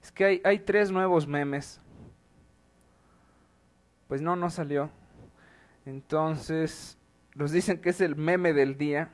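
Mexican male host, slow and somewhat high voice, sardonic live commentary, curses easily. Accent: Mexican Spanish. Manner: exasperated, wry, swears freely. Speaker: host of an online show.

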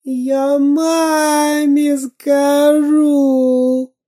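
A storyteller voicing a timid, frightened little boy in a storybook reading, pleading in a high, plaintive voice. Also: slow, mellow. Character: scared little boy sailor, timid and tearful.

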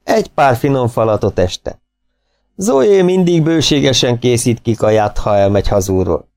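Jovial overbearing host, raised and loud, gravelly underneath, put on by a male narrator. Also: expressive, close to an everyday voice. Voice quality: jovial, booming, doting. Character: hearty, generous, overbearing middle-aged male host. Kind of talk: audiobook character voice.

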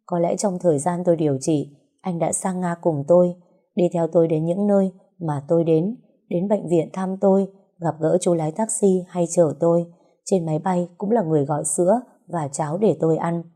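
Narrator: woman, low mellow voice, first-person audiobook read. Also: moderate pace. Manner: reads every character's lines herself, lively in dialogue. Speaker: storyteller.

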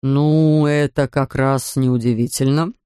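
A woman's voice: rumbling low, steady tone, slow pace, mellow, smooth, no echo, studio quality, voice pushed down. A woman voicing a composed, matter-of-fact male hotel manager in a storybook.

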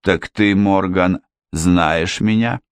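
A man's voice: deep voice, slow, clean tone, no room sound. A man voicing a sinister impostor preacher, cold, insolent and clipped, recorded dry and close.

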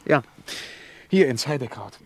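An actor playing a brooding, lonely young lieutenant in a 1950s German radio play, speaking earnestly and with feeling. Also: male voice, mid-range voice, lively intonation, a little slow, a little hiss or hum, natural voice. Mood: devoted. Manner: earnest, emotional, at times softly murmured. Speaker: lead character and first-person narrator.

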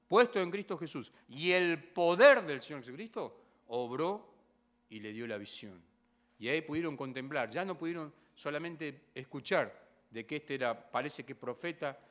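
A man's voice: medium pitch, fairly bright tone. A man with a Rioplatense accent preaching a sermon, emphatic, often checking in with short rhetorical tags. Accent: Rioplatense Spanish. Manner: emphatic, rhetorical tag questions.

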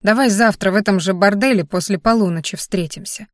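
Woman reading old father-in-law, gruff, caring, brisk, grumbling, mid-pitched, dry close sound, audiobook. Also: no room sound, lightly acted. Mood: gruffly reassuring.

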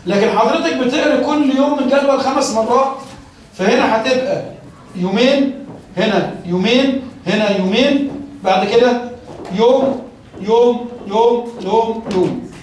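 A man's voice: extremely high pitch, normal speed. A man with an Egyptian Arabic accent teaching a class on reading instruction, explaining step by step and answering his own questions. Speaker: teacher trainer. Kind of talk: lecture on teaching children to read. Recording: very echoey room, mic far off.

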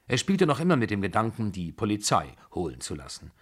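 A man giving a measured, expressive audiobook reading of a novel. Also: lowish voice. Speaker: reader.

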